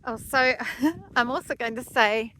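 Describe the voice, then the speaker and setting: A woman's voice: fairly high pitch, measured pace, sharp tone. A New Zealand woman, an astrologer, chatting casually in a vlog outdoors in a mountain forest while she walks, musing and searching for words. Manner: talking while walking over rough ground.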